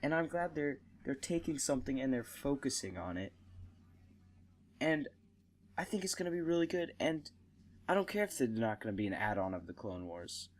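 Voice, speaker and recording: A young man chats on a homemade gaming podcast. He gives long opinions with easy enthusiasm and breaks into laughs now and then. His voice sits at an ordinary middle pitch. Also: very animated, normal speed. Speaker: podcast host. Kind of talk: casual gaming podcast chat.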